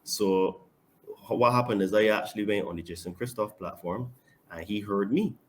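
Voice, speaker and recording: A Barbadian man talks on a casual podcast in a very low, deep voice. He is confident and emphatic, and his loudness jumps suddenly on the points he cares about. A light background hiss runs under the recording. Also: normal speed. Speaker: podcast guest and online fitness coach.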